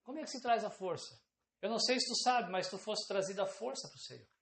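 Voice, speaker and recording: A woman's voice: mid-range voice, expressive, fast talker, fairly bright tone, reverberant. A woman preacher delivering an emphatic sermon, often calling out rhetorical questions to the congregation.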